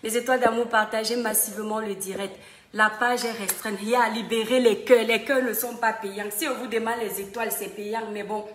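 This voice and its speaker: A woman's voice: a little high, steady tone, fairly quick, a little hiss or hum. A woman hosting a casual live stream, greeting viewers by name and breaking into little bits of song. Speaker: livestream host. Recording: echoey room with music behind.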